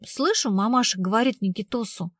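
A woman's voice: fairly high pitch, fairly quick, no echo, clean studio sound, close to an everyday voice. A woman reading the part of a blunt, streetwise young woman who tells her story in slangy, casual speech. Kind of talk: audiobook reading.

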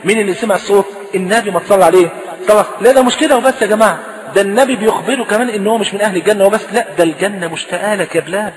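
An Egyptian Arabic-accented man preaches a storytelling sermon in a high, bright voice. He rattles through the tale at breakneck speed and animatedly voices the characters. His words ring out with a long hall reverb. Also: rapid-fire. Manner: animated, acts out dialogue of the story.

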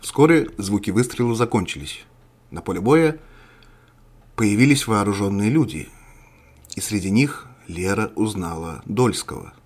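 A man narrates a dramatic story in a low, husky voice. His delivery is measured and steady.

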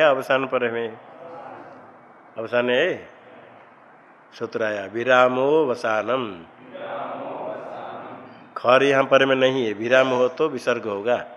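A man's voice: mid-range voice, fairly bright tone, slight background noise, low-quality recording. A man teaching a Sanskrit grammar class. He keeps quizzing his students and then recites the rules himself. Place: ashram classroom.

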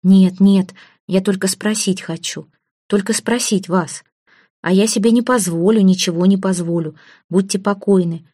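A woman's voice: mid-range voice, fairly even intonation, normal speed, mellow, dry recording, clean studio sound, natural voice. A woman voicing a poor, proud young orphan woman who talks in a flustered, pleading way. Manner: pleading, flustered, self-deprecating.

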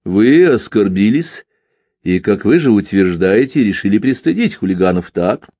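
A man's voice: lowish voice, animated, moderate pace, dark tone, no echo. A man playing a cold, cynical police investigator. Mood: needling. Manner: dry, needling questioning.

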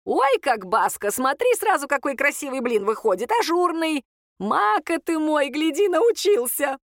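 A woman voicing a loud, bossy old grandmother who shouts folksy encouragement, in an audiobook. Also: high voice, sing-song, unhurried, no echo, clean studio sound, pitched above the performer's own voice, full character voice. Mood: delighted. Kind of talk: audiobook character voice.

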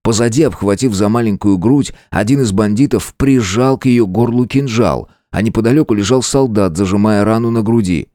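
A man narrating a first-person adventure audiobook in a steady, measured way. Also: fairly low pitch, no echo, clean studio sound.

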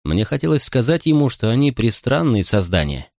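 A man reading a story aloud as narrator in a calm, measured way. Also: medium pitch, creaky, dry recording, clean studio sound. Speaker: audiobook narrator. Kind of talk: scripted narration.

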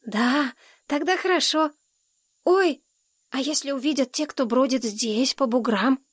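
A woman's voice: sits high, measured pace, breathy edge, no echo, studio quality, pitched above the performer's own voice. A woman reading a story, voicing a timid, eager young boy who asks hesitant, anxious questions. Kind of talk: audiobook character voice.

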